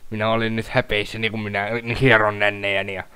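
A young man giving loud, profane let's-play commentary, shouting at the game and laughing at his failures. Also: lowish voice, monotone, smooth. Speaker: gaming YouTuber.

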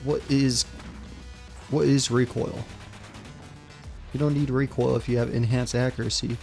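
A man's voice: medium pitch, little pitch movement, measured pace, vocal fry, a little mellow, faint music behind. A man streaming a video game, thinking aloud and muttering to himself as he plays. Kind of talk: casual gameplay commentary.

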